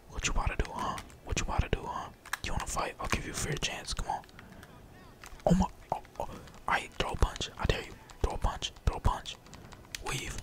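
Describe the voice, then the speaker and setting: A man streaming games whispers ASMR commentary to his viewers, his breathy, playful mutter full of slang and swearing. He's the host of the channel.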